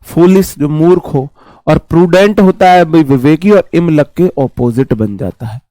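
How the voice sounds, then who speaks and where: A man teaching an online exam-prep vocabulary class through a sore, worn-down throat. His voice sits somewhat high for a man and comes across close and dry. He chats along casually, repeating points and calling his students brother. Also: measured pace, dark tone, no echo. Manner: chatty, repeats himself, calls students "bhai". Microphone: mic placed close.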